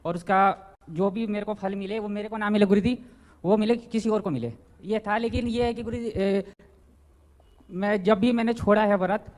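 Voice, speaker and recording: A man in his thirties asking a spiritual teacher a personal question, halting and deferential. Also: high-pitched, a little mellow. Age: 30s. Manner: deferential, halting, keeps saying guruji.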